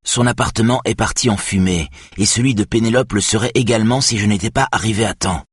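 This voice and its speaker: A man's voice: on the low side, fast talker, breathy edge, no echo, studio quality, pitched above the performer's own voice. A man voicing a stubborn, intense male detective who speaks curtly and insistently in an audiobook. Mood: urgent. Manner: curt and insistent.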